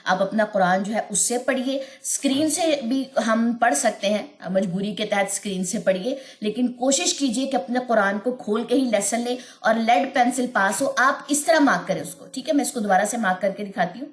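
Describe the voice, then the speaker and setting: Woman teaching Quran recitation, echoey room. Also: fairly high pitch. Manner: patient, repeats points, chants verses in a slow melodic recitation. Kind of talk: tajweed lesson with chanted recitation.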